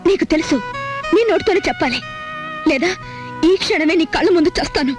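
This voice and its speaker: An actress playing a sharp-tongued, hot-headed young unmarried woman who lectures and retorts fast. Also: extremely high pitch, lively intonation, over music. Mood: defiant. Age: young adult. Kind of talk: Telugu film melodrama.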